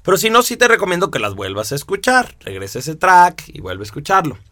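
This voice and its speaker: A man's voice: on the high side, wildly swooping pitch, fairly quick, bright, forceful tone, no room sound, clean studio sound. A man teaching a recorded audio course, chatty and explanatory, acting out the voices of his students. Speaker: course instructor.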